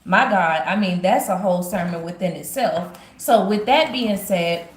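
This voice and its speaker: A woman's voice: fairly low pitch, normal speed. A woman from Georgia with a Southern accent, chatting to viewers in a casual devotional vlog. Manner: chatty, talks straight to viewers. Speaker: vlogger. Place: at home. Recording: roomy home recording.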